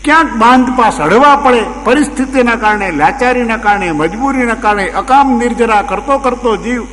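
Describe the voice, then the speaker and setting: A man's voice: very high voice, animated, normal speed, fairly bright tone. A man giving a religious discourse, full of rhetorical questions and emphatic repetitions. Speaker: spiritual preacher. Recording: long hall reverb, faint mains hum.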